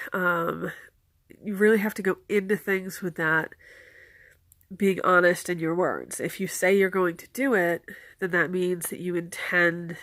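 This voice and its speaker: A woman whose nose is stuffed up from a cold calmly explains some folklore and offers practical advice, sounding casual and earnest. Her voice sits on the lower side, and the recording is dry with clean studio quality.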